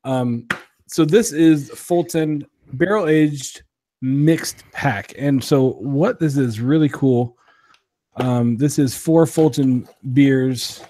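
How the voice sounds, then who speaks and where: A young podcast co-host talks slowly in a mellow, medium-pitched voice as he reviews beers. The chat is casual and jokey, tinged with self-deprecation, with no room sound in the recording.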